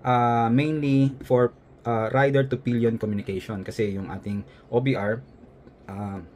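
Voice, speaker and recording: Speaking a little slowly, this Filipino-accented man has a mid-range, darkish voice with little pitch movement, and a faint hiss or hum sits under the audio. He presents a product vlog-style, explaining conversationally during a casual unboxing and review and frequently tossing in quick tag questions.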